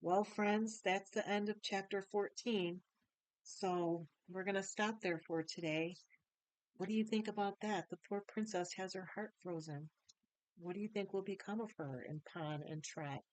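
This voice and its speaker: A woman's voice: medium pitch, a little slow, no room sound, rough recording. A woman reading a children's book aloud, then chatting to listeners in friendly asides. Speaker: storyteller.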